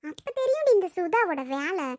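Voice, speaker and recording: A woman's voice: very high-pitched, sing-song, moderate pace, darkish tone. A woman voicing a scheming, gossiping village woman in a cartoon drama, talking in a sly, conspiratorial way. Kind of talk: cartoon family drama dubbing.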